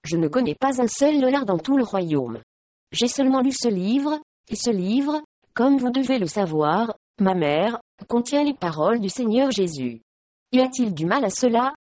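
A woman reading the part of a young noble wife who answers calmly and firmly, in a slightly dull recording. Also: fairly high pitch, moderate pace, no room sound. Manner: gentle but firm.

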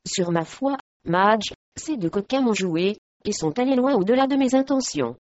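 A woman reading aloud voices a remorseful medieval English lord in a lowered, gruff tone, in a dull lo-fi recording. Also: lively intonation, normal speed, a little mellow, dry recording, natural voice. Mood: gruff, troubled. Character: angry remorseful medieval English lord, middle-aged man.

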